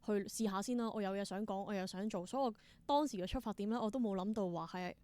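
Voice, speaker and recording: This interview guest, a theatre performer and creator with a Hong Kong Cantonese accent, shares stories casually and acts out lines of dialogue. Her mid-range voice is mellow and fast, with no echo.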